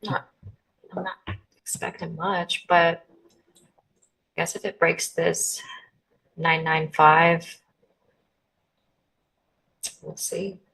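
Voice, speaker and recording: A woman's voice: fairly low pitch, level tone, extremely slow, vocal fry, pauses often, fairly bright tone, husky, poor audio. A woman trader chatting casually on a live stream, talking about the markets in a matter-of-fact way.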